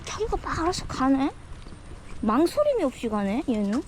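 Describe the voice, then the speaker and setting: High-voiced woman chatting to a dog outdoors. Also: sing-song, normal speed, a little mellow, a little hiss or hum. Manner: chatty, talks to the dog, mock-scared squeals. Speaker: vlogger walking a dog. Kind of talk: casual self-talk monologue. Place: outdoors on a rural seaside road.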